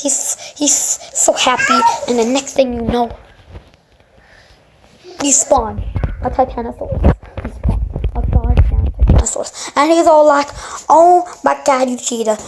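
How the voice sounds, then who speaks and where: A young-sounding speaker giving rambling, stammering comic commentary on a video game, with sarcastic asides. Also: high-pitched. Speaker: gaming video creator. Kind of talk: casual comedic game commentary. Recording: noisy home recording.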